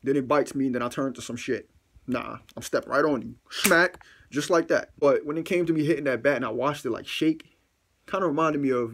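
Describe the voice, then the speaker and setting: A young man recounting a mishap at home in a loose, slang-heavy way. He swears freely and makes fun of himself. He acts out his reactions and now and then jumps up into a high squeal. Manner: animated, acts out his own reactions with sudden loud squeals; slangy, profane, self-mocking. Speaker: vlogger telling a story. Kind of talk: casual storytime monologue.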